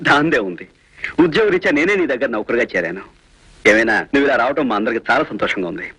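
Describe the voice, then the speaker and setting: A kind officer talks fast in a bright, husky voice. His tone is warm and hospitable, and his pitch moves a lot. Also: big pitch swings, dry recording, exaggerated voice. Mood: friendly. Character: kind, friendly male officer welcoming a guest. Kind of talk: Telugu film acting.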